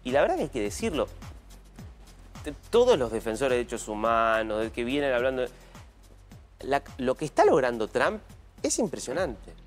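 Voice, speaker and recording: A man's voice: mid-range voice, sing-song, moderate pace, pauses often, soft background music. An Argentine man discussing the news on a studio panel, emphatic and indignant.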